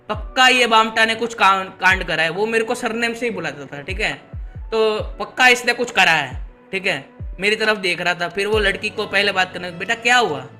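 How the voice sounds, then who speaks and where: Young man, high bright voice, slangy animated storyteller. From Gujarat, India. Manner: animated, slangy, peppered with buddy fillers. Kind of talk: casual storytime vlog.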